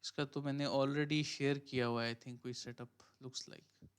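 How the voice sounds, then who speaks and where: A man's voice: medium pitch, steady tone, measured pace, clean tone. A man hosting a live stream, talking casually through trading charts and thinking aloud, often mixing in English phrases. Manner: casual, thinks aloud, many fillers and "ठीक है"; mixes Hindi-Urdu with English phrases. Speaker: crypto trading mentor.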